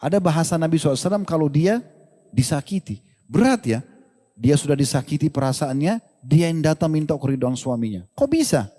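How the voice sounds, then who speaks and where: Male preacher, warm slightly high voice, animated lecture, echoing hall. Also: fast. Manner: animated, rhetorical questions, jokes and laughs with the crowd. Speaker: Islamic preacher. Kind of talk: religious lecture to an audience. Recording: long hall reverb.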